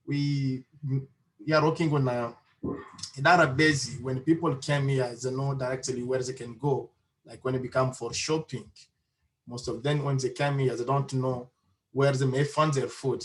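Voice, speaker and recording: Man, panel speaker, earnest, halting, stops and restarts often, middle pitch. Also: low-quality recording. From Democratic Republic of Congo. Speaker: panelist, refugee advocate. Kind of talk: panel discussion answer.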